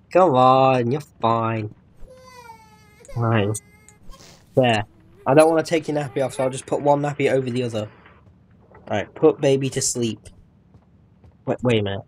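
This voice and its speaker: A man doing let's-play commentary, excitable and swearing at the game while muttering to himself. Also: mid-range voice. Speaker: gamer.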